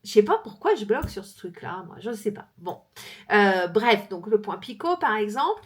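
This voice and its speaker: A woman's voice: mid-range voice, very animated, normal speed. Chatty woman vlogger with fillers. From France. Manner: chatty, laughs easily, many fillers. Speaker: crochet vlogger. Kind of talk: casual chat showing books.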